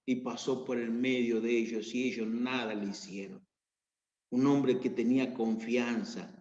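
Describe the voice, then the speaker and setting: Argentine pastor preaching in an echoey hall. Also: male voice, fairly even intonation, measured pace, darkish tone. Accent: Argentine Spanish. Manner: preaching, rising to emphatic peaks then dropping low. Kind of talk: sermon. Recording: echoey church room, dull lo-fi sound.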